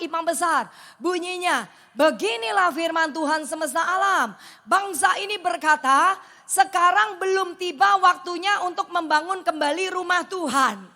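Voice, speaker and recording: A middle-aged woman preaches in with a tinge, her voice high and gravelly. She tells stories animatedly, acting out the dialogue. The sound rings with a long reverb from a large hall. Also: pushed and bright. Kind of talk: sermon.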